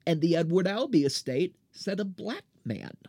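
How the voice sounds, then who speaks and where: A man's voice: high voice, very animated, normal speed, warm tone, breathy edge, dry recording. A man hosting a solo podcast, ranting in a blunt, profane, riled-up way and often restarting his words. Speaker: podcast host.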